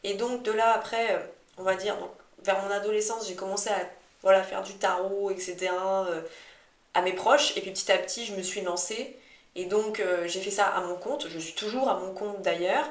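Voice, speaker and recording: A woman's voice: medium pitch, steady tone, normal speed. Talkative woman chatting in an echoey room. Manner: talkative, digressive. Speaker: astrology podcast co-host. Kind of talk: casual conversational chat about personal experience.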